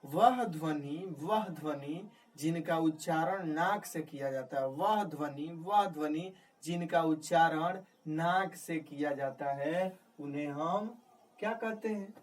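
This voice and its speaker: A man's voice: a little high, slow. A man teaching a grammar lesson, repeating key words and asking questions that he answers himself. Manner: repetitive, asks questions and answers them himself. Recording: distant mic with faint background noise.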